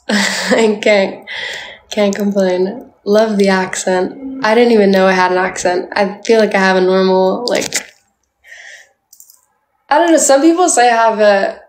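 This casual live chat features a young adult woman from Canada playfully addressing viewers, leaning heavily on "like," with her phone held at arm's length in a small indoor room. Her medium-pitched voice is unhurried and pauses often. There's reverb and slight background noise.

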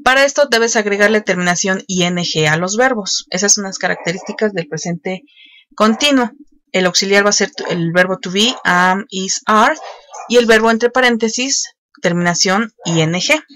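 An online English lesson is led patiently by a woman whose mid-range voice is a bit bright. She pauses with lots of fillers as she explains each step. The recording is close and dry, with no echo or room sound.

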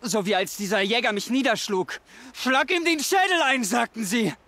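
A man's voice: very high-pitched, lively intonation, normal speed, bright, forceful tone, exaggerated voice. A man voicing a troubled young man haunted by voices, pleading and desperate in a video game dub. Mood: anguished.

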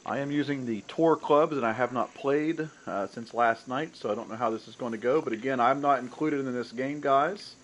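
A man in his thirties, sounding nasal and congested from a cold, hosts a live golf game stream through a gaming headset. His voice is medium in pitch and a bit bright, at normal speed with few pauses, and he's upbeat and welcoming as he talks through his own shots.

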